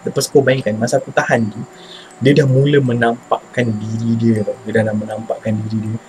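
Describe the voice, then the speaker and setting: Malaysian man, casual ghost-story teller, fast and slangy, acts out his own shouts. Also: medium pitch, level tone, soft background music, rough recording. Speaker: channel host telling a personal ghost story.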